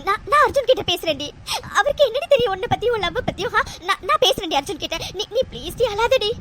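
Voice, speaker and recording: A woman's voice: very high-pitched, very animated, fast talker, a bit bright, slight background noise, full character voice. A woman voicing an anxious pleading best friend. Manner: pleading, soothing, repeating "please". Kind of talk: cartoon drama voice acting.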